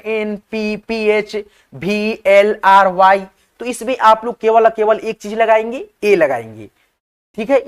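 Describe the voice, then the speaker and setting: A male teacher explaining spelling step by step to his viewers, often repeating himself and checking that they follow. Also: sits high. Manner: repetitive, addresses viewers as friends, checks in often. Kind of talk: online class explanation.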